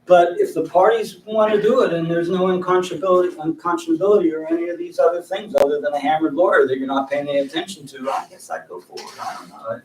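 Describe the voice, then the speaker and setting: A man's voice: a little high, fast talker, hardly any pauses, darkish tone. A man giving an informal mediation training lecture to a group in a room, telling anecdotes and chuckling between his points. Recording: echoey room, mic far off.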